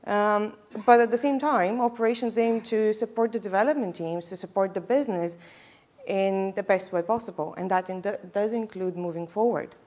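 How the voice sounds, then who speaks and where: A woman's voice: mid-range voice, normal speed, a little mellow. A young woman from Bulgaria giving a conference talk on a headset mic in a lecture hall, chatty and casual, with frequent ums and self-deprecating asides. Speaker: conference speaker. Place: lecture hall with projector screen.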